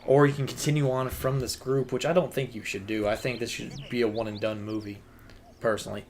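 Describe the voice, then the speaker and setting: A man's voice: medium pitch, steady tone, fairly quick. A young man with a sore, scratchy throat, rambling and swearing casually as a host while he plays a game. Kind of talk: casual chat while gaming.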